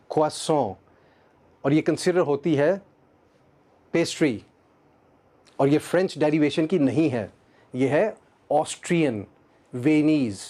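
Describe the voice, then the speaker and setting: A man, an English teacher giving a pronunciation lesson, repeating each word slowly and carefully. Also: on the high side, dark tone. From Pakistan. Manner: repeats words slowly and deliberately.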